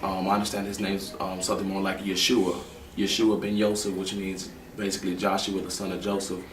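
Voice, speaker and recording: Heard from a distance in an echoey room with faint background noise, a low-voiced man in his 20s answers interview questions earnestly and at great length. His delivery is flat and brisk.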